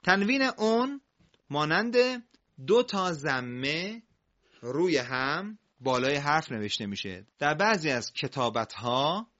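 A man teaching recitation, explaining quickly and then drawing out example words slowly for students to repeat. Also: fairly high pitch, very animated, a bit bright. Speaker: Quran reading teacher. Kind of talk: recitation lesson. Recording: muffled lo-fi audio.

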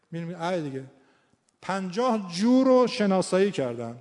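A man from Iran with a slightly high voice gives an informal lesson on recitation. He thinks out loud and repeats his key words to drive them home. His voice rings with a long hall reverb. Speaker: Quran recitation teacher. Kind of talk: informal teaching talk.

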